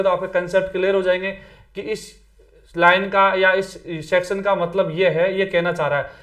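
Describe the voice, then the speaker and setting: A man's voice: sits high, a bit bright. A man teaching an exam-prep lesson in a chatty way, often tagging on "theek hai" and mixing in English words. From Rajasthan, India. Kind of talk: casual Hindi exam-prep lecture.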